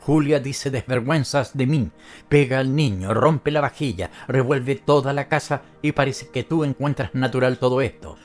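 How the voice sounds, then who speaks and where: Un hombre que interpreta a una esposa desdeñosa y colérica. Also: male voice, mid-range voice, normal speed, faint music behind, natural voice. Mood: scornful. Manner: cutting, disdainful, mocking laughter. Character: scornful quick-tempered wife, middle-aged woman. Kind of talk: audiobook character reading.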